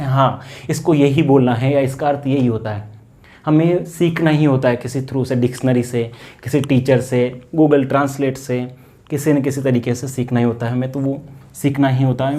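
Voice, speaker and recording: Here an Indian-accented man with a dark, mid-range voice delivers a grammar lesson on English, classroom style. He keeps asking questions only to answer them himself, repeating the important words.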